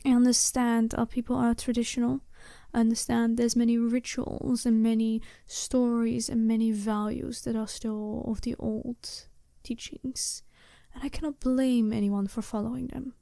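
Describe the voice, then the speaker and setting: A woman plays a smooth, seductive werewolf bride for a soft-spoken ASMR roleplay, coming across as frank and measured. She speaks in polite, formal, businesslike phrases with a fairly high yet mellow voice and little pitch movement. The audio is close and dry, free of any room sound.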